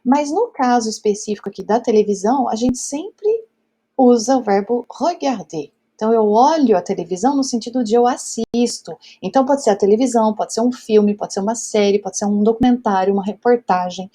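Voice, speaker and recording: Patiently working through French grammar at the whiteboard, this Brazilian teacher checks in frequently with her students and speaks with a Brazilian Portuguese accent. She sounds animated and brisk, her voice on the high side, mellow, with a breathy edge.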